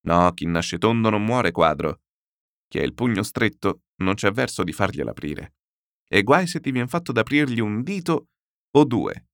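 Scheming fussy gentleman in a storybook reading, lively wheedling delivery, dry sound, played by a male reader. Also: fairly low pitch, moderate pace, no room sound. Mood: scornful.

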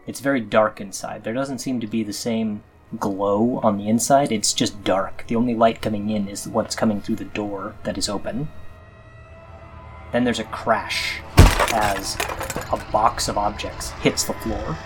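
A man running a tabletop role-playing game as game master, describing scenes in an unhurried way with pauses. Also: lowish voice, fairly even intonation, soft background music.

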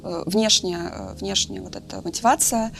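A woman's voice: medium pitch, very animated, normal speed, gravelly, faint music behind. A woman in her thirties talking candidly in a casual podcast conversation, thinking aloud with lots of fillers. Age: 30s. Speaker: guest, film director.

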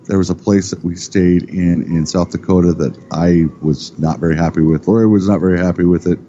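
A man's voice: low voice, steady tone, fairly quick, warm tone, highs cut off, a little hiss or hum. A middle-aged man chatting casually as a guest, rambling and correcting himself as he goes. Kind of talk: casual chat.

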